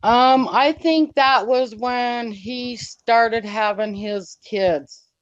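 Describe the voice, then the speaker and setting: A woman's voice: on the high side, drawn-out words, no echo. Woman telling a story on a muffled line. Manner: earnest, rambling, with many fillers. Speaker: interview guest. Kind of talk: conversational storytelling.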